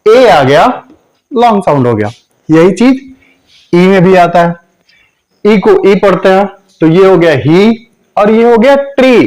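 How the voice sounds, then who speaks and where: A man who speaks teaches English pronunciation in a video lesson, with a voice sitting a little above the usual male range. He talks slowly and deliberately, going over each point more than once and drawing out every sample sound. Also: high voice, darkish tone, low-quality recording.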